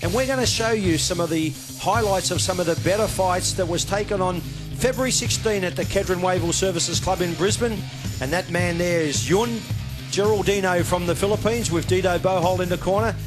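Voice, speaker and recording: Boxing host and commentator, male, Australian, high-pitched, music underneath. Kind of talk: live sports commentary.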